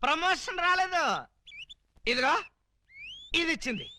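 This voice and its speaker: A man's voice: very high voice, measured pace, pushed and bright, a little hiss or hum, exaggerated voice. An actor in a Telugu comedy film playing a drunk man who brashly mocks and insults his boss. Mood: mocking. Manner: brash, mocking, sarcastic.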